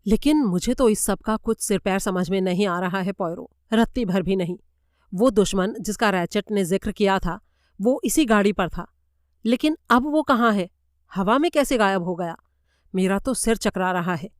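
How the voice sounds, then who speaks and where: A woman voicing a worried, excitable male railway director in a story reading, anxious and pleading. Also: medium pitch, normal speed, dry recording, studio quality, lightly acted. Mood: bewildered.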